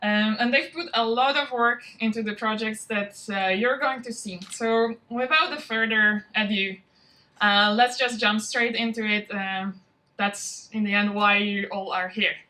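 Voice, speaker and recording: A woman who founded the bootcamp, welcoming an audience and introducing its students in a relaxed way, with frequent ums. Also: medium pitch, a little slow, distant mic, low-quality recording. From from outside Norway. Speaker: bootcamp founder hosting a demo day. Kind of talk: event welcome speech. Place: event venue, spoken to a live audience.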